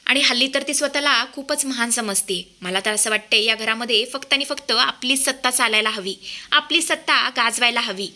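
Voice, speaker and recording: A woman's voice: fairly high pitch, moderate pace, sharp tone. A woman voicing a scheming, melodramatic young woman. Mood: furious. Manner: angry, whiny, melodramatic. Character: scheming, furious young woman faking a crisis.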